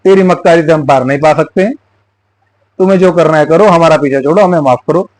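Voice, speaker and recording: A worn-out village teacher pleads in a weary, exasperated way, as a man tells the folk tale. The voice is fairly high. It is recorded dry and close. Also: brisk, darkish tone, dry recording, lightly acted.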